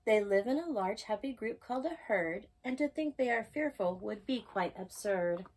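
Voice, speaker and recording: Acting as a storytime host, a woman reads a rhyming children's picture book aloud with expressive, singsong emphasis. Her mid-range voice is slightly rough and moves at a moderate pace.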